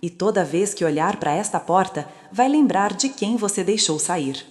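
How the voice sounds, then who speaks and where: A woman voicing a composed young businesswoman who speaks calmly and with quiet, cutting resolve. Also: mid-range voice, natural voice. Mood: cold calm. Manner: calm, measured, quietly cutting. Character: composed young woman returned as rich CEO, coldly calm. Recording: long reverb.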